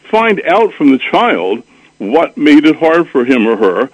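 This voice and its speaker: A man's voice: a little high, big pitch swings, unhurried, no echo, lo-fi sound. A man who works as a parenting author and counselor, explaining his ideas in an interview in a thoughtful way and using Hebrew and Yiddish terms.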